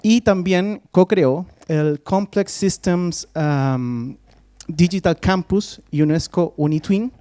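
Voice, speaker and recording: This man's voice is high-set, mellow and clean, delivered slowly with no echo. He's a faculty member introducing a guest speaker at a formal university lecture, hesitant and full of filler sounds, moving back and forth between Spanish and English.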